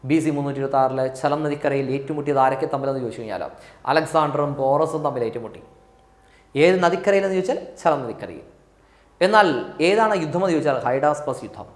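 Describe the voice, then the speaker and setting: A male teacher with a Malayali accent giving an exam coaching lecture, repeating key answers slowly for drilling. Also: a little high, echoey room.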